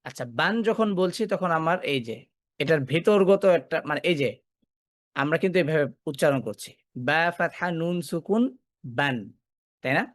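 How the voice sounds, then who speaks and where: A man's voice: a little high, fairly quick, no room sound. A man teaching a Quran recitation class, asking his students questions, answering them himself and repeating key points. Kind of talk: classroom lesson.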